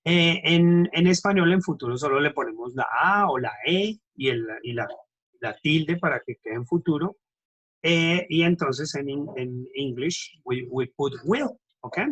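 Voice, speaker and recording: Husky bilingual teacher, man. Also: on the high side, animated, unhurried, fairly bright tone, rough recording. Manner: switches between English and Spanish, corrects himself often; checks in with students constantly. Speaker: English teacher. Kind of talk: online grammar lesson.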